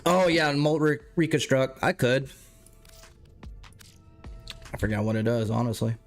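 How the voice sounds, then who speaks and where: A man's voice: medium pitch, normal speed, faint music behind. Stuffed-up man rambling on a game stream. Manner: rambling, self-correcting, chatty with viewers. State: stuffed up, clearing throat. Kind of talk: casual livestream commentary.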